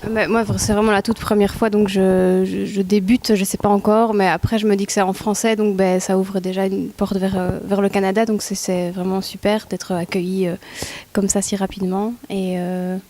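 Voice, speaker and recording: Belgian woman singer, ordinary pitch, giggly and unsure, filler-heavy. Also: little pitch movement, moderate pace, dark tone. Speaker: singer guest. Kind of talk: casual interview answers.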